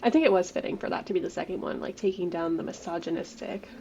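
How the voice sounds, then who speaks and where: A woman's voice: fairly low pitch, quick pace, a little mellow, dull audio, a little hiss or hum. A young woman co-hosting a podcast, eagerly retelling book scenes and quoting characters' lines. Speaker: podcast co-host. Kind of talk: casual book discussion.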